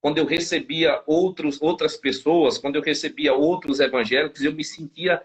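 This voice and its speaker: A man's voice: on the high side, fairly even intonation, normal speed. A man in his thirties, a pastor, telling stories in a casual live-stream chat and acting out the people he quotes. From Brazil. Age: 30s. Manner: storytelling, acts out quoted dialogue.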